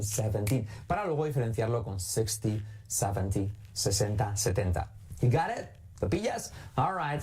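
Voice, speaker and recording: Dark-voiced man teaching English numbers. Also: medium pitch. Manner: reads English numbers aloud and explains them in Spanish. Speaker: streamer learning English. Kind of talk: live-streamed study session.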